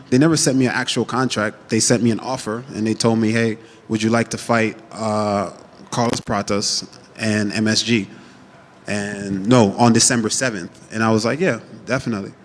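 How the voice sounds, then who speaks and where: A fairly low, fairly even male voice at a normal speed comes from an MMA fighter in his thirties who grew up in Jamaica. He fields media day interview questions in a relaxed, cocky, trash-talking manner, with a long reverb tail and slight background noise.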